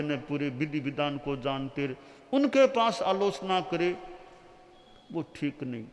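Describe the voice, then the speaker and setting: A man giving a sermon as a Jain monk, teaching slowly and deliberately and acting out short quotes. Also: a little high. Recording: long hall reverb.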